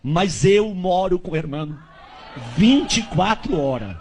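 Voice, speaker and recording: A man voicing the Holy Spirit, who speaks slowly and intimately in his ear. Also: high-pitched, expressive, a little mellow, a little hiss or hum, pitched below the performer's own voice. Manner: slow, intimate.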